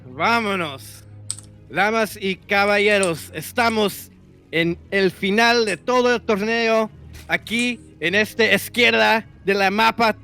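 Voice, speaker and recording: A man commentating esports, delivering a grand drawn-out introduction in the manner of a lucha libre ring announcer. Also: high-pitched, steady tone, gravelly, sharp tone, clean tone, faint music behind.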